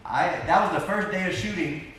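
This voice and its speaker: A man's voice: sits high, brisk, a bit bright, slight background noise. A man teaching a class in a casual storytelling way, repeating phrases for emphasis. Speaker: film teacher. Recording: echoey classroom from far off.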